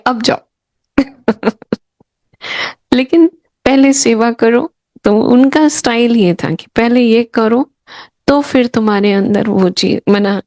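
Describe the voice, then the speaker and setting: Middle-aged woman telling gentle stories. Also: on the high side, no room sound. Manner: quotes elders and her younger self in changing voices. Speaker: spiritual speaker sharing memories. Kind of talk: storytelling talk to a gathering.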